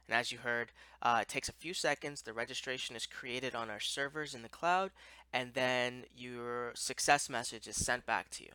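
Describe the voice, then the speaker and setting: A man explaining a piece of software step by step in a plain-spoken way, as an instructor. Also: mid-range voice, normal speed, smooth, no room sound.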